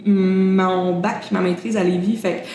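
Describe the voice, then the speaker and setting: A young woman from Quebec, Canada, with a Québécois French accent, hosts a casual interview, chatty and often laughing as she restarts her sentences. Her voice is on the low side and darkish, with a flat, unhurried delivery. The recording has a very roomy echo and a faint background hum.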